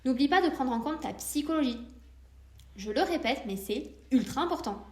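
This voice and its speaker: A woman's voice: high voice, animated, moderate pace, a little mellow. Woman explaining personal finance, echoey room. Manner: friendly, addresses listener directly, explains step by step. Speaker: podcast host. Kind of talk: scripted solo podcast explainer.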